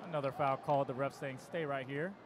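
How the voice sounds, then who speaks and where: A man from the United States doing play-by-play commentary on a live basketball game, his voice jumping up on big plays. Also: fast talker. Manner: excited calls that jump in pitch on big plays. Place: basketball arena broadcast booth. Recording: loud arena crowd noise behind.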